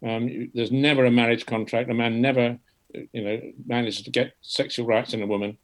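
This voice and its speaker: This man explains an idea at an even pitch. He speaks in an ordinary middle register and often repeats a word as he restarts a sentence, in a loose seminar discussion. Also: brisk, rough recording. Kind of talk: academic discussion.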